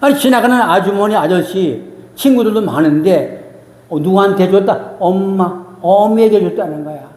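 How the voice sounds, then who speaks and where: High-voiced pastor preaching in echoey hall. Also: male voice, normal speed, darkish tone. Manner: emotional, emphatic preaching with repeated phrases. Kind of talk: sermon. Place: church sanctuary. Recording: roomy church hall reverb.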